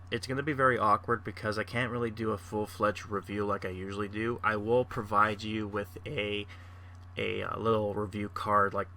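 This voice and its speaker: A man hosting a gameplay channel, chatting casually in a rambling way with plenty of pauses and restarts. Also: fairly low pitch, pushed and bright. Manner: rambling, lots of uh fillers and restarts.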